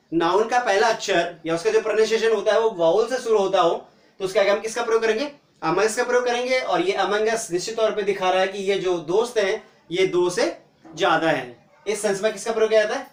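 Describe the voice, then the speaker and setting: High-voiced man teaching grammar in an echoey room. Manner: asks rhetorical questions and answers them himself; mixes Hindi with English example phrases. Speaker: English teacher. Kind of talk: classroom grammar lesson.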